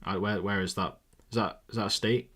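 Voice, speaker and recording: A young man with a somewhat low voice talks through a live stream in loose, casual commentary. He thinks aloud as he goes, sounds exasperated and swears freely. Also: steady tone, a little fast, fairly bright tone, slightly rough. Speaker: live-streaming forex trader.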